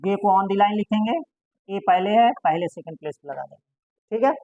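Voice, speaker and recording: A woman's voice: mid-range voice, moderate pace, warm tone, dry recording, muffled recording. A woman teaching a shorthand lesson, asking her class questions and answering them herself.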